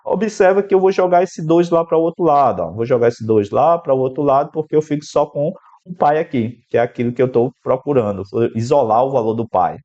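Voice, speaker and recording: A man's voice: medium pitch, animated, brisk, hardly any pauses, dark tone. Man teaching math step by step. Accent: Brazilian Portuguese. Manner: explanatory, working step by step through an equation, addressing the student directly. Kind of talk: exam-prep math lesson. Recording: slightly dull, lo-fi sound.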